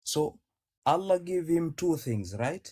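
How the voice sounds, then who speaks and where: A man's voice: on the high side, animated, slow pace, a little mellow, slightly rough, dry recording, clean studio sound. A man from Tanzania, debating religion on a call, who talks insistently, repeats himself and recites Arabic verses. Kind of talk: heated debate.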